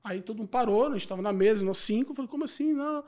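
A man's voice: high voice, rapid-fire, a little mellow. A man in his forties from Brazil, talking reflectively as a podcast guest and often repeating filler words. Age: 40s. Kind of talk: casual interview chat.

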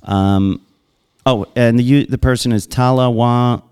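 Smooth-voiced Long Island man. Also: medium pitch, fairly even intonation, slow pace, darkish tone. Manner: chatty, laughs often, breaks off reading for asides. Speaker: podcast host. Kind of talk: casual podcast chat, reading listener mail aloud.

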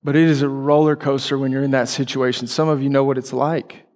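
A man's voice: mid-range voice, flat delivery, brisk, darkish tone. A man preaching a sermon, telling a personal story candidly and emotionally.

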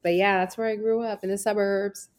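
Female interview guest, American, chatty and anecdotal, mid-pitch voice. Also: flat delivery, brisk, clean tone. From Virginia, USA. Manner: chatty, storytelling, frequent "like" fillers. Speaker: guest, travel business founder. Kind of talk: casual interview talk.

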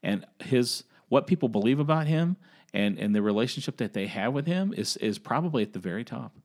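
A man's voice: mid-range voice, lively intonation, fairly quick, a little mellow. A man from the American South with a Southern accent, co-hosting a casual Bible discussion and talking conversationally, often repeating words as he restarts. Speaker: podcast co-host.

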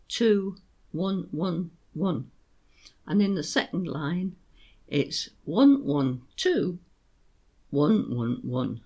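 A podcast host teaching how to write story poems, explaining slowly and reading lines aloud with a sing-song beat. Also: mid-range voice, darkish tone. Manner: slow, sing-song rhythmic reading, tapping out beats.

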